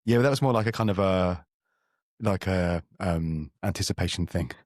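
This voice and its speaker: Low-voiced man, podcast co-host. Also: normal speed, a little mellow, no room sound, clean studio sound. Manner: self-mocking, playful banter. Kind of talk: casual chat.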